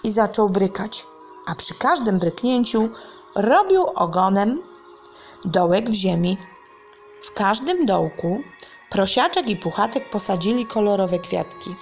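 Woman storyteller for kids, very slow, gravelly, deliberate read. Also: medium pitch, lively intonation, soft background music. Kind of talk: reading a bedtime story to children.

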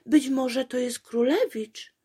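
A woman's voice: fairly high pitch, takes it slowly, a little mellow, breathy edge, pitched above the performer's own voice. A woman voicing a fussy little princess who frets and exclaims breathlessly. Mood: delighted. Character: fussy little princess girl, easily worried.

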